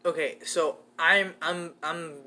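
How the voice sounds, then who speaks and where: A podcast co-host in his twenties chats in a laid-back, rambling way, full of fillers and casual swearing. His voice is fairly high, pushed and bright, with fairly even intonation and a slow pace.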